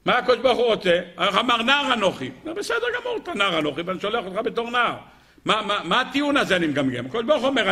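Man, high voice, Torah lecture, animated, rhetorical questions, acts out quotes.

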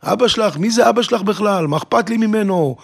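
A man's voice: a little high, big pitch swings, a bit bright. A man voicing a drunk, rowdy young man who is scornful.

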